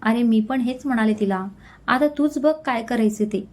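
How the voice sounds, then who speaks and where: A chatty young best friend in a storybook reading, lively and scolding in turn, voiced by a woman narrator. Her voice sits fairly high. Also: moderate pace, natural voice.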